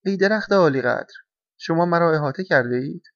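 A man's voice: on the high side, animated, fairly bright tone, no room sound. A man voicing an anxious, thoughtful young stork in a storybook reading, speaking politely and with puzzlement. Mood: puzzled. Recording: dull, dry lo-fi recording.

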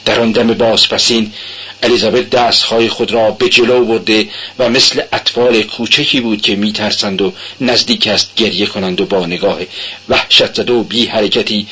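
A man giving a dramatic literary reading, measured and intense. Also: lowish voice, pushed and bright, slightly rough, rough recording. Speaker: narrator.

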